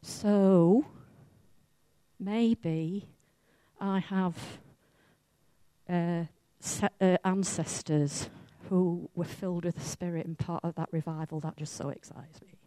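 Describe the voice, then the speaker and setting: A woman from Wales with a Welsh accent, preaching a sermon in a chatty, self-mocking and lively way. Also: on the low side, slow, no echo.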